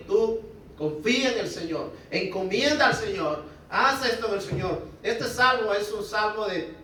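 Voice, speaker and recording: High-voiced man preaching in an echoey hall. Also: fairly bright tone, distant mic. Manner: conversational preaching, often asks the congregation to respond. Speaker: pastor. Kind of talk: sermon. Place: church hall.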